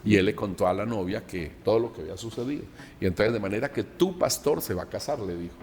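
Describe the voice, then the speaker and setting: A man, a pastor from Colombia, recounting a personal testimony and acting out the dialogue in an animated way. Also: lowish voice, quick pace, in a large hall.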